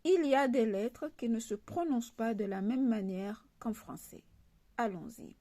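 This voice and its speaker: Female teacher, calm and slow-paced, spells out letters and repeats sample words. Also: fairly high pitch. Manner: patient, repeats example words. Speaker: language teacher. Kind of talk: slow spoken alphabet lesson.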